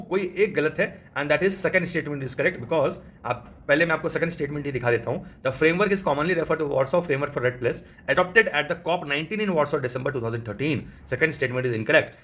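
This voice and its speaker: A man with an Indian accent, an exam coaching teacher, working through quiz answers. He reads English text slowly, then explains in quick Hindi asides, and he corrects himself partway through. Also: on the high side, a bit bright. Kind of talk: quiz answer walkthrough lesson.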